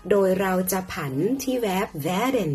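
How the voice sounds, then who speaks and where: A woman teaching a grammar lesson, explaining patiently and softening her phrases with polite particles. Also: medium pitch, takes it slowly, faint music behind. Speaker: language teacher.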